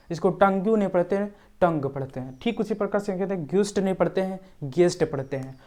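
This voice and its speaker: A woman teaching pronunciation rules in a tutorial, repeating each point slowly and step by step. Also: fairly low pitch, mellow. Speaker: English teacher.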